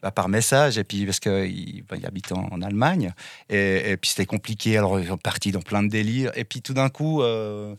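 A man's voice: fairly low pitch, brisk, no room sound. A man from Switzerland, a musician guest, talking casually in an interview and rambling through lists with many fillers.

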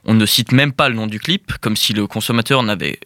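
A man delivers a read-out opinion piece in an indignant, emphatic tone. His voice is bright and forceful, recorded dry and close with little room sound. He sounds like a radio columnist making a case. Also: lowish voice, fairly quick, no room sound.

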